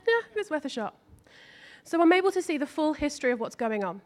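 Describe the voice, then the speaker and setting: High-voiced woman presenting a demo. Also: very animated, fast. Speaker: app presenter. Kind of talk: live product demo.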